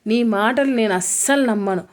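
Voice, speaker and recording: A woman narrator reads a suspicious, irritable young man in a spoken romance tale. He presses with sharp questions and scolds bluntly. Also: fairly high pitch, normal speed, lightly acted.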